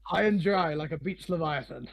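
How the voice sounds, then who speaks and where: A man's voice: on the high side, normal speed, gravelly. A man voicing a scheming former pirate who now runs a tavern, with a faint pirate twang that creeps into his boastful talk. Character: scheming ex-pirate tavern keeper, male, middle-aged. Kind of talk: tabletop game character voice.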